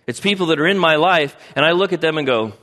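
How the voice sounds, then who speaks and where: A man with a fairly high voice preaches a sermon to his congregation. He keeps it conversational and keeps checking in with the listeners. His voice carries a long reverb tail, as if it fills a large hall. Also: quick pace, fairly bright tone. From United States. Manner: conversational preaching, often asks the congregation questions. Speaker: pastor.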